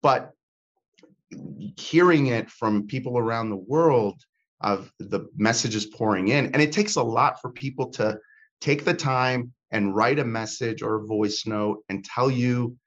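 A man's voice: medium pitch, measured pace, dull audio. A man talking as a podcast guest in casual chat, rambling and restarting with many fillers. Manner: rambling, self-interrupting, frequent fillers. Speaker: podcast guest, comedy content creator.

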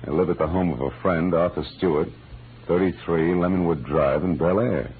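In a muffled old radio recording with music, an American lead actor plays a wry, world-weary, hardboiled private detective narrating his case in 1940s-50s radio noir style. His voice sits low and sounds husky, delivered at a moderate pace with clipped phrasing.

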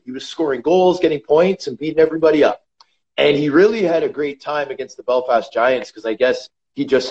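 Man telling hockey stories, lo-fi sound. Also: medium pitch. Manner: animated, calls the host brother. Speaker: podcast guest, ice hockey enforcer. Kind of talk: casual interview storytelling. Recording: slightly dull lo-fi sound.

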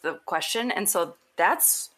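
A woman pastor talking casually as a podcast guest, animated and quick to laugh. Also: medium pitch.

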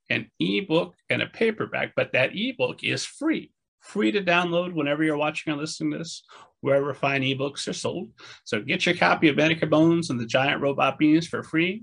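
A man's voice: a little high, creaky, a bit bright, slightly rough. A man hosting a podcast interview, jokey and upbeat, with casual fillers. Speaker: podcast host.

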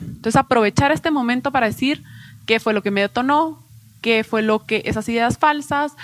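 A woman speaking as a guest expert to a room of mothers, her voice sitting a little high. She explains patiently and slips into short acted examples of parents talking to children. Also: fairly bright tone, dry recording. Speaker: guest educational psychologist. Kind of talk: explanatory talk at a live event.

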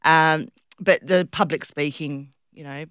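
Brief: Australian woman, middle-aged, bright forward voice, chatty and animated interviewee, close dry sound. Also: sits low, a little slow, clear, resonant tone, no room sound. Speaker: interview guest, public speaker and former competitive swimmer. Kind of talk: casual conversational interview, storytelling.

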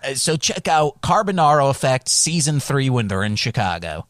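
A man's voice: medium pitch, moderate pace, dry recording. Man telling jokey stories on a dry mic. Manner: animated, jokey storytelling. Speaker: podcast co-host. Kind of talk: casual podcast chat.

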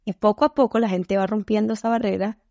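A Costa Rican woman guesting on a podcast, her voice mellow and dark rather than bright. She tells stories with animated, expressive swings and laughs along the way. The recording is close and dry, with no room sound. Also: medium pitch, quick pace, creaky, dry recording, highs cut off. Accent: Costa Rican Spanish. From Costa Rica. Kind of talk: casual interview chat.

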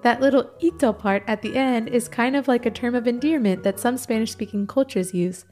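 Casting: encouraging woman teacher on a kids' show, slightly high voice, soft music under her. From Ecuador. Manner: warm, upbeat, encouraging, slow teacher-like delivery. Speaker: co-host and Spanish teacher. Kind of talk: children's language lesson.

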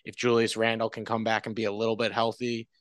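A man, a guest sportswriter, chatting casually on a podcast in a relaxed, rambling way with frequent restarts. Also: lowish voice, fast, no echo.

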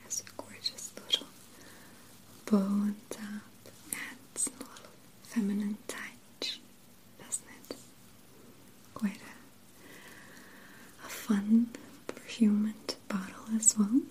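A woman whispering softly and slowly as a perfume shop assistant in an ASMR roleplay, close to the microphone. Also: mid-range voice, flat delivery, poor audio. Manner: soft unvoiced whisper, slow and soothing.

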